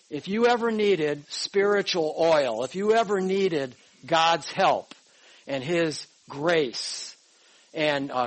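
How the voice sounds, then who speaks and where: An older man in his sixties with a notably high voice leads a Bible class from his notes. He talks in an emphatic, conversational way and keeps checking in with his listeners through "all right?" and "okay". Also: low-quality recording. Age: 60s. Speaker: pastor teaching a Bible class.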